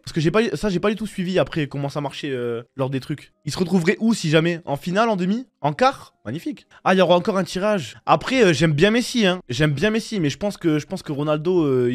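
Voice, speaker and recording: A man from France streaming live, chatting casually and rambling in slang to his viewers. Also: sits high. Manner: slangy, rambling, talks to chat.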